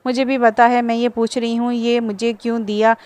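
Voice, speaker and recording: A woman voicing a quick-tempered young bride in an audio novel, talking back in a snappy, irritated way. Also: a little high, level tone, a little mellow, smooth, close to an everyday voice. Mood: indignant. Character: feisty, sharp-tongued young bride, quick to anger.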